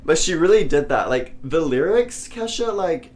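A man's voice: fairly high pitch, very animated, normal speed, darkish tone, a little hiss or hum. A young adult man co-hosting a casual podcast chat, effusive and full of fillers like "like". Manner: effusive, filler-heavy, enthusiastic. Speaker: podcast co-host.

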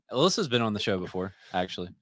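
A man's voice: lowish voice, lively intonation, fast, vocal fry, noisy background. A man co-hosting a casual podcast, laid-back and dry-humored as he talks about his work. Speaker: podcast co-host.

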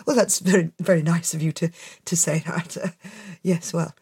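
A woman's voice: lowish voice, steady tone, moderate pace, a little mellow, breathy edge, voice pushed down. A woman voicing a bashful, embarrassed male king who hesitates and mumbles his thanks. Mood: flustered.

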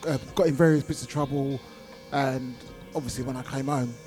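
A man's voice: medium pitch, fairly even intonation, fairly quick, darkish tone. A middle-aged man with a London accent, reminiscing casually as an interview guest in a studio. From East London, England. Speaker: guest, veteran DJ and radio station founder. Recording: music playing behind the voice.

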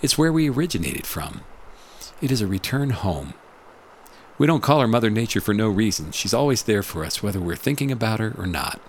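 A man hosting a guided meditation, narrating from a script in a calm, measured, soothing way. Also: lowish voice, a little hiss or hum. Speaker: meditation podcast host.

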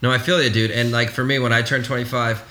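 A man's voice: medium pitch, little pitch movement, fast, bright, forceful tone. A man in his late twenties, co-hosting a casual podcast chat, rambling candidly and swearing freely. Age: 20s. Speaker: podcast co-host.

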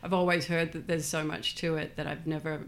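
A woman's voice: low-pitched, level tone, a little fast, a little hiss or hum. An Australian woman talking easily as a guest in a casual interview about her business. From born in New Zealand, raised in Australia. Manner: chatty, easygoing. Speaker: guest, small business owner.

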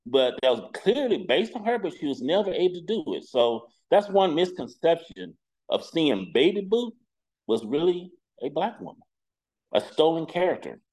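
Co-host, man, lively pitch, animated rambling storyteller. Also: normal speed, low-quality recording. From Huntsville, Alabama. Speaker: regular co-host. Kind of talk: casual podcast chat.

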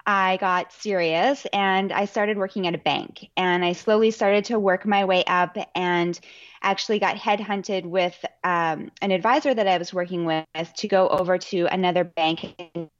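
A woman's voice: on the low side, fairly even intonation, normal speed. A woman in her forties, a podcast guest telling her story in a friendly, candid way. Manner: friendly, laughs easily, candid. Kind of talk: interview storytelling. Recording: dull lo-fi audio.

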